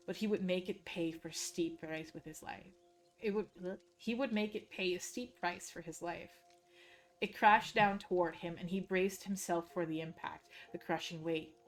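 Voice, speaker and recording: In a lowish voice, a woman from the Netherlands, a native speaker of Dutch, narrates game lore. Her reading is quiet, measured, and suspenseful, like a story.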